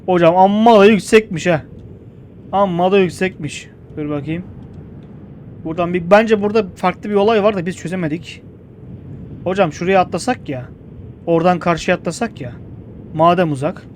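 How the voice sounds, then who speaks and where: A young man commentating a game playthrough, excitable and jokey, often yelling at the game. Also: sits high, moderate pace, long pauses, a little hiss or hum. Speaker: gameplay streamer. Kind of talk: gameplay commentary.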